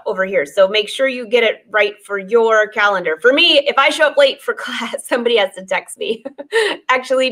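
Chatting casually on a live stream, a sewing teacher in her forties reads viewer comments aloud and laughs often. Her voice is a little high and a bit bright, and she's indoors in a sewing studio with dress forms.

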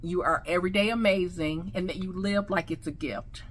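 A woman with a slight lisp, speaking with new veneers in an excited, gushing casual vlog to her viewers. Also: on the low side, moderate pace. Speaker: vlogger. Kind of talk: casual product review vlog.

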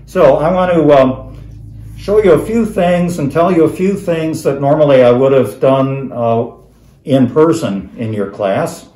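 An American man in his seventies, a retired teacher, talks informally to students in a halting way, slightly muffled through a face mask. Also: a little high, dark tone. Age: 70s. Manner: halting, pausing often. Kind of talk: informal recorded talk to students, reminiscing. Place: dining room of a historic house. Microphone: camera across a table. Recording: roomy indoor echo.

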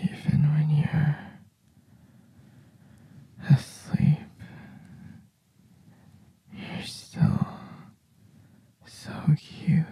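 A man playing a tender, sleepy boyfriend in a whispered role-play, murmuring softly and slowly in a husky, breathy morning voice. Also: a little high, monotone, no room sound, full character voice. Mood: tender, adoring. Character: sleepy, tender, protective boyfriend waking his partner.

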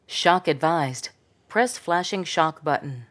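A woman voicing the recorded spoken prompts of a defibrillator, giving flat, clipped commands. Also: low-pitched, slow, exaggerated voice. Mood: instructive. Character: calm female defibrillator voice prompt.

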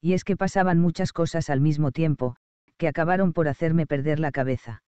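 Man, audiobook narration, measured and expressive, mellow voice, dull dry lo-fi recording. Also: fairly high pitch, clean tone, dry recording.

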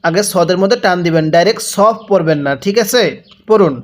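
Male teacher, high register, patient spelled-out recitation drills, long drawn syllables, call-and-repeat. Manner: slow, drawn-out syllables with repeated prompts to read along. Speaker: Quran reading teacher.

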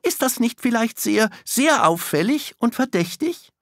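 A man voicing a bold young girl in an audiobook, quick to accuse. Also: very high voice, very animated, a bit bright, dry recording, studio quality, pitched above the performer's own voice, full character voice. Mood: reproachful.

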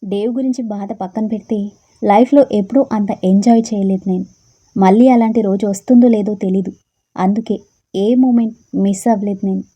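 A woman narrating a first-person romantic story in a soft, subdued way. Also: medium pitch, steady tone, moderate pace, slightly rough.

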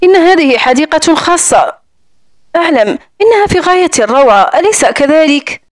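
Cheerful elderly grandmother, read by a woman, chatty, indulgent, high pitch, dry recording. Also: big pitch swings, a little fast, no room sound.

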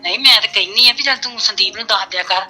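A woman playing a talkative mother with a husky voice, gossiping about her daughters-in-law on the phone. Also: mid-range voice, bright, forceful tone, soft background music. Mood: gossipy. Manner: fast and gossipy.

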